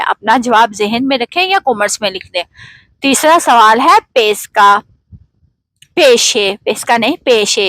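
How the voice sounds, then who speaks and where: A woman with a Pakistani Urdu accent, a native Urdu speaker, teaches pronunciation at a very unhurried pace. Her voice sits a little high and sounds dry and close, with no room around it. She says each word deliberately so learners can repeat after her. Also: fairly bright tone, no room sound, rough recording. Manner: slow and careful, models words for learners to repeat. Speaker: language teacher. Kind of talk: slow pronunciation lesson.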